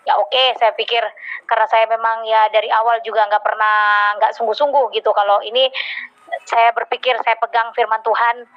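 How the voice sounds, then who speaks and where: A woman's voice: a little high, little pitch movement, normal speed, clear, resonant tone. A woman telling a heartfelt personal testimony to a congregation, with many hesitant fillers. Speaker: church member giving testimony. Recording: dull lo-fi recording.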